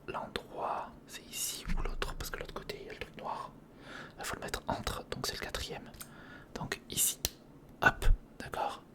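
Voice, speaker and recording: Whispering breathily right up against the mic, an ASMR host talks the listener through a build one step at a time, thinking out loud. It's captured on a close recorder or a studio condenser microphone.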